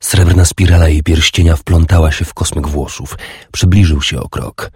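Casting: a deep, raspy male narrator reading slowly and intimately, dry studio sound. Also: fairly even intonation, a little mellow, dry recording. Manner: slow, measured, sensual reading. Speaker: audiobook narrator. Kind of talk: scripted narration.

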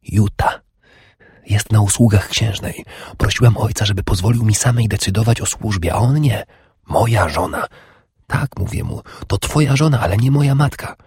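A man reading an audiobook, voicing a bold, sly young princess in a hushed, often whispered voice. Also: lowish voice, normal speed, slightly rough, dry recording, clean studio sound, voice pushed up. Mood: indignant. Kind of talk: audiobook character voice.

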